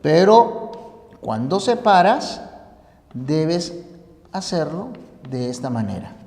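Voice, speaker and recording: Slow, lively, high-voiced male teacher. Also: vocal fry. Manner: explains step by step with questions to the viewer. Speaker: language teacher. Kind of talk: recorded spelling lesson. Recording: long reverb of a hall.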